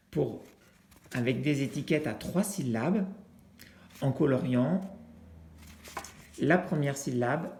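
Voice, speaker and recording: Slow, hesitant teacher in an echoey room. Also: medium pitch, dark tone. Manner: unhurried, with frequent hesitations and fillers; demonstrates with objects while talking. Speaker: teacher explaining an activity to parents. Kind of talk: instructional video for families. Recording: roomy, echoey indoor sound.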